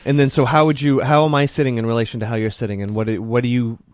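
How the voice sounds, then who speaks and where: A man's voice: medium pitch, steady tone, racing, no echo. A man hosting a casual studio interview at a desk mic, asking long, rambling questions. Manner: asks rambling, loosely built questions. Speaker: podcast host, interviewer.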